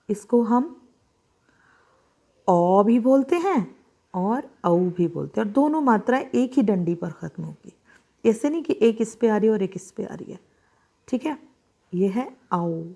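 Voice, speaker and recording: A woman teaching children how to write vowels, speaking slowly and deliberately, drawing out each sound and checking that they follow. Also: on the high side, dark tone. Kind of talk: slow, patient handwriting lesson for children.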